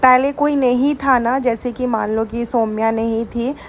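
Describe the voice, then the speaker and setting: A woman's voice: fairly high pitch, flat delivery, measured pace, a little hiss or hum. A young woman from India chatting casually to her viewers in a home vlog. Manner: chatty, addresses viewers as guys. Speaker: vlogger.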